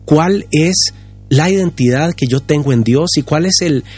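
A husky-voiced man speaks earnestly and at a halting pace, restarting his phrases often. His voice sits at an ordinary pitch, and soft music plays faintly under it. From Costa Rica. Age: 50s. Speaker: pastor and guest. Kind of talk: candid testimony on a podcast.

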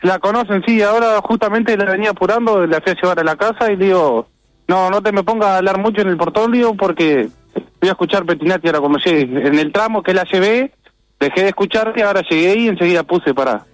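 A man's voice: high-pitched, quick pace, no room sound, faint music behind, rough recording. A young man in his twenties with an Argentine accent, chatting easily as a caller to a radio show. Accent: Argentine Spanish. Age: 20s. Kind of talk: phone-in chat.

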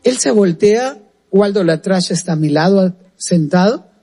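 Male presenter, high husky voice; earnest, animated testimony storytelling. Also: moderate pace, faint music behind. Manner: earnest, animated retelling with direct asides to the listener. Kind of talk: storytelling testimony on a radio program.

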